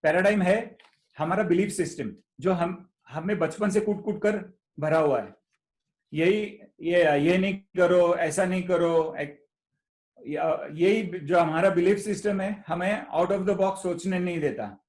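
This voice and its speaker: High-voiced man in echoey room. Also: slow pace, a little mellow. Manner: storytelling, repeats words, mixes Hindi and English. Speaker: speaker at a club meeting. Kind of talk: motivational talk with a story. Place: meeting room.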